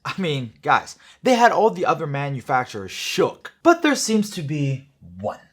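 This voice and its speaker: A man's voice: fairly high pitch, big pitch swings, normal speed. A man presenting an airsoft product review in a chatty, jokey way, talking straight to his viewers.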